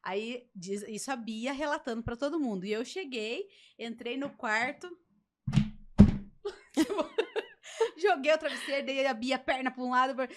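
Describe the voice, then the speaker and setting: Brief: Brazilian woman host, slightly high voice, chatty and warm-humored storyteller. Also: sing-song, measured pace, long pauses. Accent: Brazilian Portuguese. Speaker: podcast host. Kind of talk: casual podcast chat. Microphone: podcast mic.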